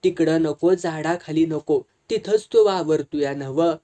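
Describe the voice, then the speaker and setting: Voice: medium pitch, a little slow, mellow, close to an everyday voice. A reader voicing a frightened old village patriarch who speaks rural dialect. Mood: fearful. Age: older. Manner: rural dialect, fearful, confessional. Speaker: village elder.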